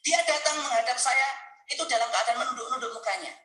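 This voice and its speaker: A man preaching a sermon, telling a story with deep emotion and speaking straight to his listeners. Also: quick pace, sharp tone, echoey room, poor audio. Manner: emotional, earnest storytelling, addresses listeners directly. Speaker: Islamic preacher. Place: mosque hall.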